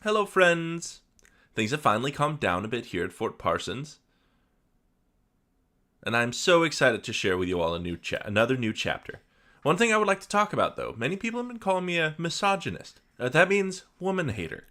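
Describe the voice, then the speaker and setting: A man's voice: on the high side, sing-song, brisk, bright, forceful tone, voice pushed up. A man putting on a prim preachy housewife author. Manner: sugary, earnest, self-righteous. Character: prim preachy middle-aged woman fan-fiction author.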